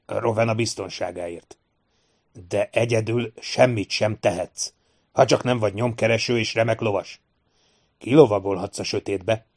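A seasoned manhunter with a fairly low voice, speaking gently and evenly with quiet, measured assurance, as a male reader puts him on. He sounds firm and unhurried, a storybook figure who never needs to raise his voice. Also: natural voice.

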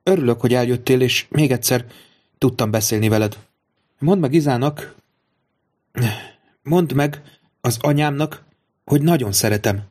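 A man's voice: mid-range voice, pauses often, darkish tone, natural voice. A man reading aloud, voicing a torn, tender young mother in an earnest tone.

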